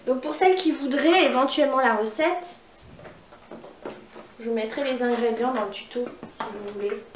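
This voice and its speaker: A woman's voice: on the high side, moderate pace, roomy sound, recorded from a distance, a little hiss or hum. A woman with a northern French accent giving a chatty, upbeat cooking demonstration at home, talking straight to her viewers. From northern France. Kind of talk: casual cooking demo.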